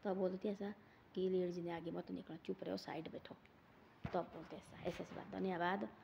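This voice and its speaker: A woman's voice: on the low side, level tone, moderate pace, gravelly, a little mellow, dull audio, a little hiss or hum. A woman, telling a moral story in a casual, rambling way and repeating words over and over.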